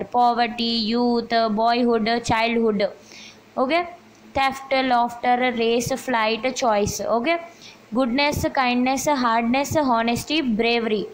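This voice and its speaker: A woman teaches an English grammar lesson. She talks in a high voice at an unhurried pace. She slows right down to read each example sentence word by word. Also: slight background noise, rough recording. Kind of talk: explaining grammar exercises.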